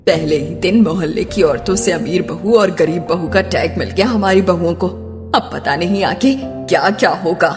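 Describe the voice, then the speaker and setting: A worried, motherly middle-aged mother-in-law from an animated family tale, played by a woman. She sounds fretful and instructs others, with long reverb and clear music behind her. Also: on the low side, moderate pace, close to an everyday voice. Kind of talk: Hindi animated moral-story acting.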